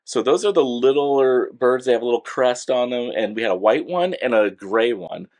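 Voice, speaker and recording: A man co-hosting a podcast, telling childhood stories in a casual, animated way with lots of laughing and acted-out quotes. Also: mid-range voice, moderate pace. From California. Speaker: podcast co-host. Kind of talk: casual storytelling chat.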